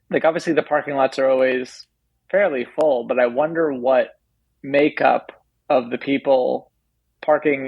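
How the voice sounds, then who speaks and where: Gravelly husky man, dry podcast banter. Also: mid-range voice, no echo, lo-fi sound. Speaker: podcast co-host. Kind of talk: casual podcast chat.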